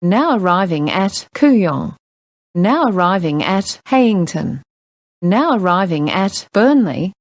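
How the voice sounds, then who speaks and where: A woman with an Australian accent giving recorded train announcements, her words spliced together from separate clips in a clipped, even way. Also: mid-range voice, takes it slowly, no echo.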